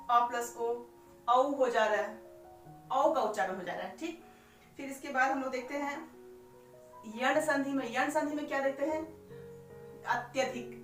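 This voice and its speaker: A woman's voice: high voice, fairly bright tone. A woman teaching a grammar lesson step by step, asking herself questions and stretching out sounds as she spells them. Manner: repeats each step with rhetorical questions. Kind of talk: classroom-style explanation. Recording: echoey room, far from mic, faint music.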